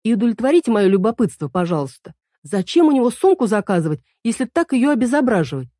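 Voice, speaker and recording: A woman's voice: a little high, sing-song, fast talker, warm tone, dry recording, studio quality, pitched above the performer's own voice. A woman voicing a prim young man who corrects others and fusses. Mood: fussy. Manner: correcting, fussy.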